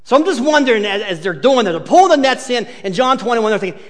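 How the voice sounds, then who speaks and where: Animated preacher man in an echoing hall. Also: very high-pitched, quick pace. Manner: animated storytelling with humor. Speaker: pastor. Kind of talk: sermon. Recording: long hall reverb.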